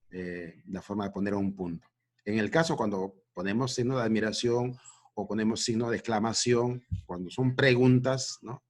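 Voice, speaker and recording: A man with a Peruvian Spanish accent, teaching a remote school lesson in a patient, explanatory way, often checking in with "¿no?". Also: mid-range voice. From Peru. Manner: explanatory, repeats "¿no?" and "muy bien". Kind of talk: remote class lecture.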